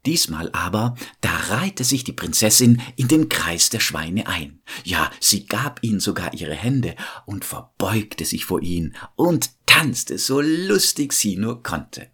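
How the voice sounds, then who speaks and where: A man's voice: fairly low pitch, sing-song, slow pace, hardly any pauses, husky. A man telling a fairy tale aloud and speaking directly to his listeners. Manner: warm, addresses listeners directly. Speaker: storyteller.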